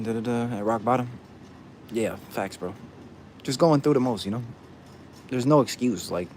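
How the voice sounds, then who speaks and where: A man's voice: medium pitch, a little mellow, a little hiss or hum. A man answering viewers' questions in casual chat, blunt and profane, tossing "bro" into nearly every thought.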